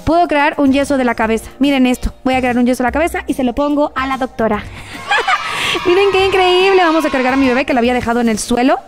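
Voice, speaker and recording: A woman's voice: high-pitched, rapid-fire, few pauses, music in the background. A woman hosting gameplay commentary, playing a frazzled mother in a theatrical, exclamatory way and talking straight to her viewers. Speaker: gaming channel host.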